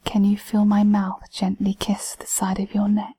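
A woman who whispers the whole way through, airy and breathy, with a dark, mellow tone. She speaks very slowly and evenly, with barely any rise or fall, giving calm, commanding instructions. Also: mid-range voice. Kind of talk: whispered intimate audio roleplay.

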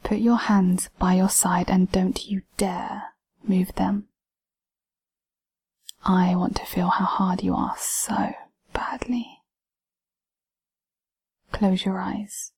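A woman whispering throughout in an intimate audio roleplay, giving slow, commanding instructions. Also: mid-range voice, steady tone, a little mellow, slightly rough.

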